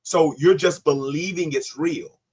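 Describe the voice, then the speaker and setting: Husky man pressing hard in debate. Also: a little high, measured pace, darkish tone. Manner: insistent, cuts in, repeats questions. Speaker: livestream host. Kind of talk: heated debate on a live panel.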